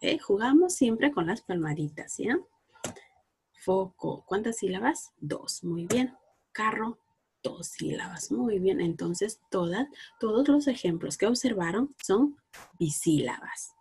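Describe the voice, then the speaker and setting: A woman's voice: mid-range voice, expressive, a little mellow, slightly rough. A woman with a Peruvian Spanish accent teaching a lesson to young schoolchildren, patiently asking questions and praising answers. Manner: slow, patient, coaxing, asks questions and praises. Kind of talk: recorded class lesson for children.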